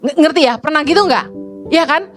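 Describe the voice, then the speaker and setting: Animated woman preaching over music. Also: a little fast. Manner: animated, acts out quoted people in high voices. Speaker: pastor. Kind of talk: sermon. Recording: music playing behind the voice.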